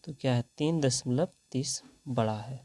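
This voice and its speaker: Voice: mid-range voice, unhurried, mellow. A math teacher, working through problems step by step and asking rhetorical questions along the way.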